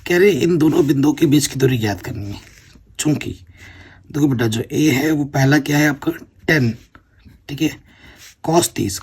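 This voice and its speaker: Gravelly, husky maths teacher. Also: male voice, medium pitch, darkish tone. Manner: explains step by step, keeps checking with "theek hai na". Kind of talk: board-exam maths lesson.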